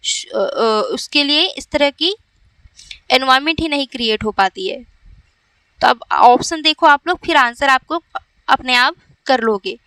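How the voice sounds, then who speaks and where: A woman's voice: high voice, expressive, unhurried, a bit bright, smooth, dry recording, far from the mic. A woman teaching exam students at a whiteboard, repeating key points and checking in often. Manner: repetitive, checking in with "ठीक है". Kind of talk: explaining on a whiteboard.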